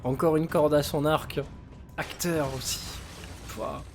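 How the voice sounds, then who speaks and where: A man with a slightly high voice chats loosely as he plays a game live. His talk wanders, stuffed with hesitations and yelps of pain, while the game's soundtrack plays clearly underneath him. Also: fairly even intonation, slow. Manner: rambling and casual, with many fillers and pained exclamations. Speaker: streamer. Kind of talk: live gameplay commentary. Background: game music.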